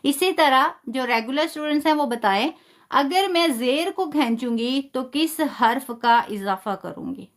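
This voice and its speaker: A woman with a high, lively voice teaches a live online Quran recitation lesson. She patiently spells out sounds slowly and praises her students.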